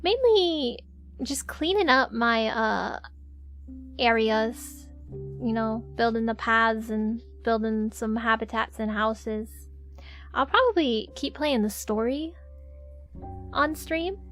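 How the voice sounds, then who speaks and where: A woman's voice: fairly high pitch, takes it slowly, a bit bright. A woman livestreamer chatting casually in a cute anime-streamer manner. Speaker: streamer, VTuber host. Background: faint music.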